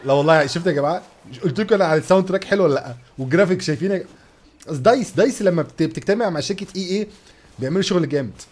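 A young man with an Egyptian Arabic accent hosting excited gameplay commentary, gushing and laughing as he plays. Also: sits high, racing. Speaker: gaming channel host.

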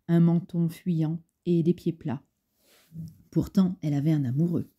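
A woman narrating a novel as an audiobook in a measured, even reading. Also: low voice, husky. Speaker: audiobook reader. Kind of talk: scripted narration.

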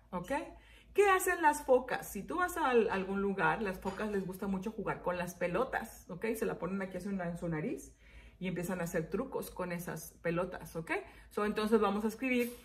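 A woman's voice: mid-range voice, animated, moderate pace. A woman teacher giving a children's spelling lesson. She repeats each word and its syllables and keeps checking in with "ok?".

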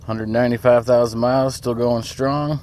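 A man's voice: mid-range voice, fairly even intonation, moderate pace, a little mellow. A young man from Wisconsin giving a rambling, laid-back walkaround of his pickup truck, filmed outdoors on a phone, full of fillers. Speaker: vlogger showing his truck. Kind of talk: casual walkaround vlog.

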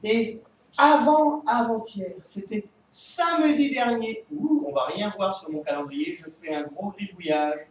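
A man with a French accent teaching young children from home, his voice high for a man and lifting in a sing-song line. He talks slowly and patiently, stretching his words. He sounds set back from the mic in a very echoey room. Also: far from the mic, a little hiss or hum. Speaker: kindergarten teacher. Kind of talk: remote classroom lesson for young children.

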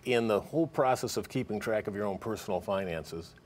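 A middle-aged man with a fairly low voice, talking through money matters in a steady, explanatory way. He sits as a guest in a TV news studio, on a lapel mic, with a faint low rumble underneath. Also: brisk. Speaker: guest financial planner. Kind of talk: studio interview on morning news.

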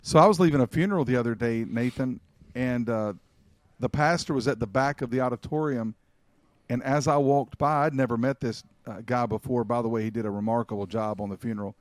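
A man's voice: mid-range voice, fairly quick, no echo. A man co-hosting a podcast in casual chat, upbeat and encouraging. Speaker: podcast co-host.

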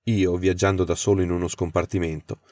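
A flustered young government official, voiced by a man, worried and earnest as he lays out his trouble. The voice sits low, and the recording is dry with no room echo. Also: level tone, brisk, darkish tone, lightly acted. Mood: anxious.

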